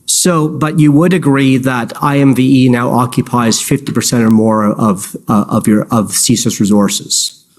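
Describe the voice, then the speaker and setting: A man's voice: mid-range voice, steady tone, measured pace. A man cross-examining a witness at a formal hearing, putting polite, leading questions and often restarting his phrases. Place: formal public inquiry hearing.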